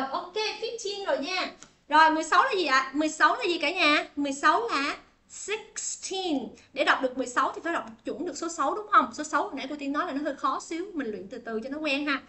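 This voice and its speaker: High bright chatty woman teacher. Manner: chatty, drills words by slow repetition; laughs often between drills. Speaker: English teacher. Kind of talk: livestream pronunciation lesson. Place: indoors. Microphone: tablet microphone.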